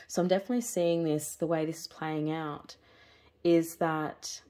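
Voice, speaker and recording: A woman giving a spiritual tarot reading, talking in slow, soothing, repetitive phrases. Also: sits low, a little mellow. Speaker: tarot reader.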